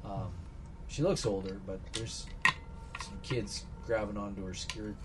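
A man's voice: lowish voice, fairly even intonation, measured pace, heavy background noise. A man narrating as game master, improvising loosely with fillers. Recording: background music.

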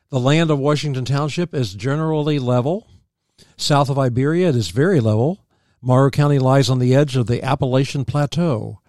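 A man, reading local history aloud as a podcast co-host, steady and plain with small slips. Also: medium pitch, no room sound, clean studio sound.

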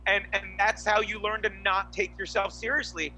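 A man telling stories in casual chat, animated and profane, acting out quotes loudly. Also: sits high, moderate pace, slight background noise, rough recording. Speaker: comedian podcast guest.

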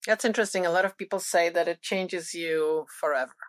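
A woman's voice: lowish voice, brisk, dry recording. Curious woman interviewer with a dry sound. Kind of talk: casual interview chat.

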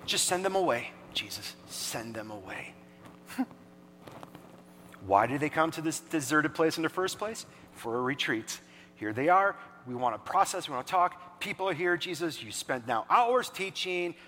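A man delivers a conversational sermon, animated and quick to act out the people in his story. His voice sits high and sounds bright and forward, and it rings out with the long reverb of a large hall. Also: slight background noise. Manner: animated, conversational preaching with acted-out dialogue. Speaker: pastor. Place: church hall.

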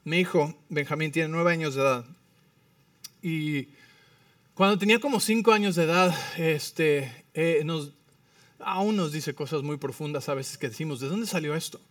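A man in his thirties preaching a Spanish-language sermon as pastor, animated, often checking in with the congregation. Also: on the high side, moderate pace, no echo, distant mic.

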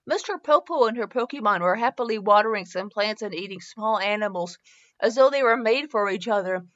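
Her voice sits at a medium pitch, fairly bright and animated, and she talks a little fast as she hosts a podcast and reads fan fiction aloud for comic drama. Giggling throughout, she stumbles on words and stops to add remarks. The recording is lo-fi and a bit dull.

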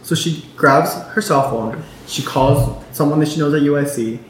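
A man's voice: a little high, normal speed. A young man from Chicago talking casually as an interview guest, telling stories with lots of fillers and quoted dialogue. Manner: chatty storyteller, many fillers and quoted dialogue. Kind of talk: casual chat. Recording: echoey room with faint noise.

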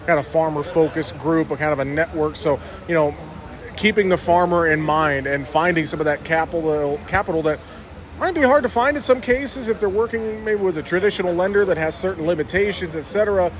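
Man interviewing at an outdoor show, higher-pitched. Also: a little fast. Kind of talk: on-location broadcast interview. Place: outdoors at a busy farm trade show.

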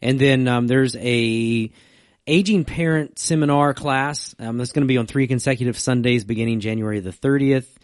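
A man's voice: mid-range voice, moderate pace, dry recording, clean studio sound. A man co-hosting a church podcast, chatting casually and agreeing often. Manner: agreeable, frequent back-channel replies. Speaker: church staff co-host.

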